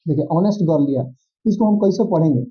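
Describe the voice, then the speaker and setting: High-voiced man teaching grammar, lo-fi. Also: expressive, fast talker. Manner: repetitive, reassuring, checks in with "theek hai". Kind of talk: explanatory grammar lesson. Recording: dull lo-fi sound.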